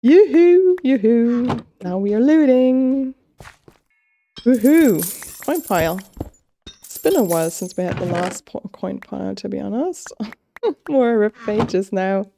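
A woman commentating her own gameplay, excitable, gasping and pleading with the game as she plays. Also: medium pitch, takes it slowly, creaky, pauses often, noisy background. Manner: excitable, gasps and squeals with delight. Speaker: gaming video creator.

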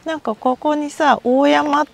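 Her voice is high, with vocal fry, fairly even intonation and a measured pace. She's a middle-aged Japanese hiking vlogger chatting away to herself as she heads uphill on an outdoor mountain trail, captured by a body-worn camera in a casual solo vlog.

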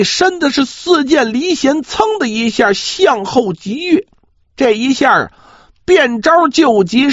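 Slow, animated male pingshu storyteller. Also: very high voice. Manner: drawn-out particles, rhetorical asides to listeners. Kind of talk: dramatic traditional pingshu storytelling. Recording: roomy, slightly dull audio.

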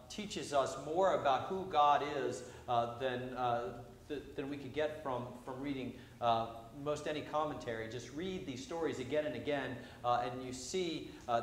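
A man, a priest, preaches a sermon into a pulpit microphone in a church, halting often with "uh" fillers. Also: on the high side. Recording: echoey church sound with faint hum.

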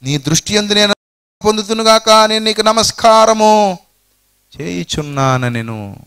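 A preacher putting on a sly fawning servant. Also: male voice, high-pitched, animated, a little slow, a bit bright, smooth, voice pushed up, exaggerated voice. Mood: scheming. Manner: wheedling, falsely humble. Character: sly scheming male servant pleading to a king.

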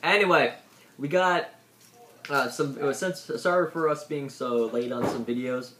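A man's voice: medium pitch, unhurried, fairly bright tone. Young male vlog host, casual and conversational, echoey small-room sound with some noise. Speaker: host of a video channel. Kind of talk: casual chat. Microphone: tablet at arm's length. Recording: roomy echo, noisy tablet microphone.

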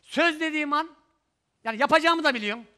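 A man on a daytime talk show, repeatedly pressing a relative and shouting in a heated studio confrontation. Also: extremely high pitch, fast talker. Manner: insistent, repeating himself, shouting at times. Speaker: talk show guest, uncle. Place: television studio.

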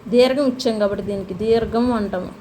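A woman's voice: medium pitch, fast talker, dark tone, a little hiss or hum. A woman in her thirties, a home vlogger and mother, patiently coaxing her child through homework and chatting to viewers while she cooks. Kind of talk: casual home vlog chat. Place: home kitchen.

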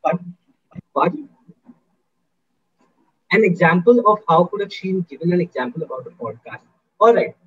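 A man's voice: high voice, lively intonation, moderate pace, pauses often, husky, lo-fi sound. A man giving an interactive online lecture to students, upbeat and coaxing, often asking the audience questions. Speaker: guest speaker in a student workshop.

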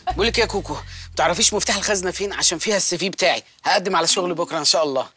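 A jobless, henpecked Egyptian husband in a film comedy, meek one moment and mocking the next. His voice is unusually high and bright for a man, with a rapid-fire delivery. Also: husky, soft background music, full character voice. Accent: Egyptian Arabic. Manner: meek, then mocking and exaggerated. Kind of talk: comic film scene.

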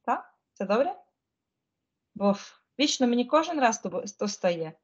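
A woman's voice: fairly high pitch, big pitch swings, a little slow, muffled recording. A woman giving an online Spanish lesson in a chatty, informal way, often checking whether her students follow. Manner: frets about pressing buttons. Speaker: Spanish teacher.

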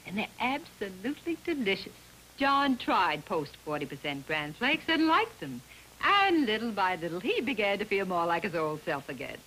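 Lively wry 1950s TV homemaker. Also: female voice, mid-range voice, rough recording. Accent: American. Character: chatty, wry middle-aged homemaker and wife. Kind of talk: 1950s TV broadcast commercial testimonial. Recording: faintly hissy old TV soundtrack.

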